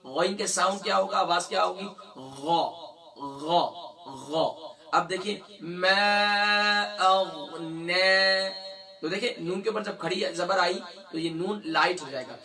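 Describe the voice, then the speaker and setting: Bright, high-voiced male Quran teacher. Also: far from the mic. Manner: demonstrates sounds slowly, repeating letters with drawn-out recitation. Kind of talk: religious lesson with recitation drills.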